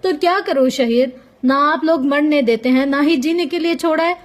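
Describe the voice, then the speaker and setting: A woman's voice: high-pitched, moderate pace, voice pushed up, lightly acted. A woman reading a bitter, weary young wife. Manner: sarcastic, resigned.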